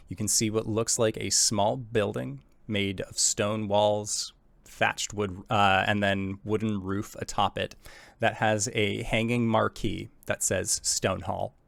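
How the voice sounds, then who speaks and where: A man's voice: on the low side, level tone, unhurried, creaky, a bit bright, no echo. A man improvising descriptive narration as game master of a tabletop role-playing game.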